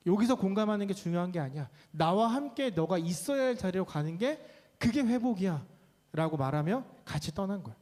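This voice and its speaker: A pastor delivers a sermon in a fairly high voice. He acts out the voices of the people he talks about, letting his tone swing between pleading and stern. The sound carries a long church-hall reverb. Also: darkish tone. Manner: acts out quoted speech with dramatic shifts.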